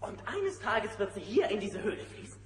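An actor playing an excitable, flamboyant Gummi Bear sculptor in a theatrical, scatterbrained way for a German cartoon audio drama. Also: male voice, high-pitched, moderate pace, a crowd in the background. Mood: exuberant. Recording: noisy old cassette transfer.

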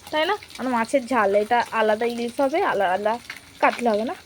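A woman's voice: a little high, fast, a little hiss or hum. A young woman vlogging casually from her home kitchen, chatting through each cooking step for her viewers on a handheld phone. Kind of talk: casual vlog narration.

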